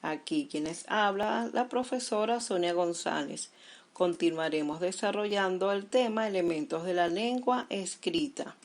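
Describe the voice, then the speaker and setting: Middle-aged woman teacher from Venezuela, unhurried and deliberate, leaning on each syllable. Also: fairly low pitch. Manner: slow, deliberate explaining, stressing syllables. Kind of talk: recorded language lesson.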